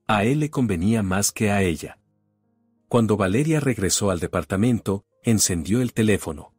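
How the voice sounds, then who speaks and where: A man with a low, slightly husky voice narrating a domestic drama in a measured, even way. The sound is dry and close, with soft music faint underneath. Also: no echo. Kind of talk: scripted narration of a drama story.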